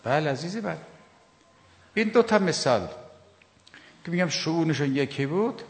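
A male preacher delivering an emphatic sermon, calling out to his listeners and slowing down to recite Arabic before translating it. His voice is gravelly and swings widely in pitch, sitting a little high for a man. It rings out with the long reverb of a hall. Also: animated, a little hiss or hum. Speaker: Shia preacher.

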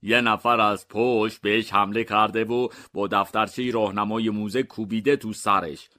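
A man's voice: on the low side, steady tone, bright, forceful tone, voice pushed down. A man voicing a museum guard and an inspector in a comic mystery story reading, speaking matter-of-factly and questioning firmly. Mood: earnest. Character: museum guard and inspector, plain grown men.

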